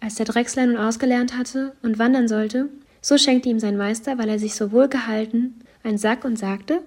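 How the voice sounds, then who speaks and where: A woman narrating a fairy tale in a lively storytelling manner, sometimes dropping to soft whispers. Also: a little high, normal speed.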